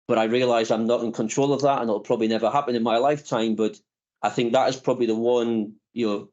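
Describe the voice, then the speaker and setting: A company chief executive in his fifties answers interview questions in a measured, reflective manner, pausing often. His voice is mid-range with a darkish tone, and the recording is muffled.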